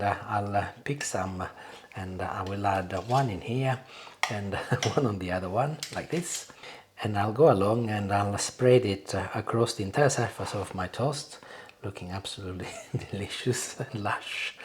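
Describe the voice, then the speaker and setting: A man's voice: on the low side, darkish tone. A man chatting casually as he demonstrates cooking, savouring the food. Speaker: cooking show host. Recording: clear background noise, kitchen clatter.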